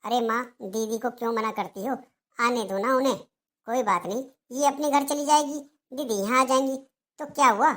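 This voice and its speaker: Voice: medium pitch, normal speed, fairly bright tone, close to an everyday voice. A voice actor playing a grown son in a Hindi cartoon, reasoning and pleading with his mother.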